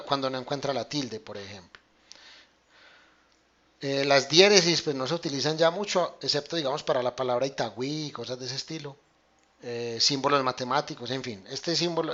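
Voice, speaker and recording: A man's voice: medium pitch, pushed and bright, lo-fi sound. A man teaching a math class online, explaining step by step in a casual way and often checking in with his students. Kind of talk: online class lecture with screen demonstration.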